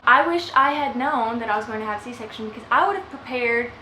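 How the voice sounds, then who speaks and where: A woman's voice: fairly high pitch, quick pace, pushed and bright, slight background noise. A young woman vlogger telling her own story casually to the camera, emotional and close to tears at times. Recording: echoey room with faint ambience.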